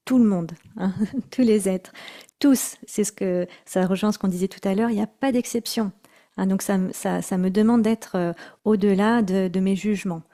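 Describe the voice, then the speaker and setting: A woman teaching mantra chanting in an online workshop, speaking gently with many hesitations and repeated words. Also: medium pitch. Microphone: video call.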